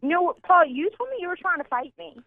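A woman's voice: very high-pitched, big pitch swings, dry recording. Witty young woman on a phone line. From Louisville, Kentucky, US. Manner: quick-witted, playful teasing. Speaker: TV news reporter, guest. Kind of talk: casual radio banter.

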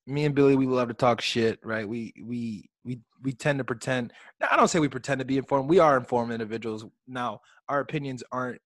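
A man's voice: mid-range voice, no room sound. Young male co-host, Chicago accent, easygoing and profane, dry close recording. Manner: loose, swears casually, many fillers. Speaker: podcast co-host. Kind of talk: casual chat.

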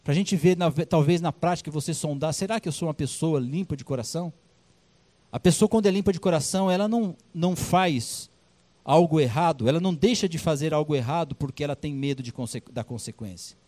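Male preacher, high voice, conversational, slangy, sermon. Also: a little fast, warm tone. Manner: conversational, retells scripture with casual slang.

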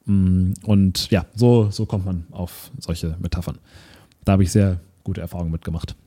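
A man's voice: deep voice, normal speed. A man co-hosting a podcast, talking casually and animatedly, often restarting words and mixing in English terms. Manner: animated, self-correcting, mixes English words. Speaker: podcast co-host.

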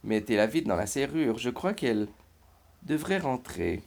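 A man's voice: medium pitch, sing-song, moderate pace, vocal fry, darkish tone. A man voicing a kind, confident little girl in a children's storybook, reassuring and upbeat.

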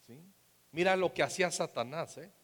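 High-voiced Mexican pastor in a reverberant hall. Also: male voice, normal speed. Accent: Mexican Spanish. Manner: personal storytelling, often dropping to a soft, hushed voice. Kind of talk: sermon.

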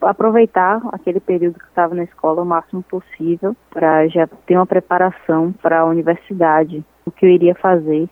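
A young woman, a scientist and entrepreneur answering interview questions in an earnest, measured way, often pausing to restart her phrases. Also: fairly low pitch, fairly even intonation, dry recording. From Salvador, Brazil. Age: 20s. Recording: thin, dry, phone-like line.

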